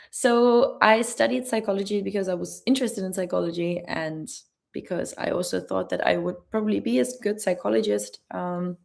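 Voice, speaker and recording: A woman's voice: fairly low pitch, vocal fry. A young woman with a German accent, a travel vlogger answering chat questions on a live stream in a chatty, laughing, careful way.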